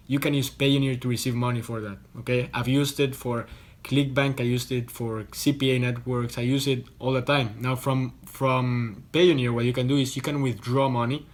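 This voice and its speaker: A young man from Costa Rica, talking casually to camera from a hotel room, explaining things in a chatty way and often restarting his words. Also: mid-range voice. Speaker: online business vlogger.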